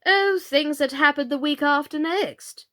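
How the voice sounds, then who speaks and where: A woman's voice: sits high, a little slow, sharp tone, voice pushed up. A woman voicing a flustered, helpless, melancholy storybook queen who groans, sighs and speaks emphatically. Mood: careless, airy. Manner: groaning, sighing, dotty, emphatic delivery.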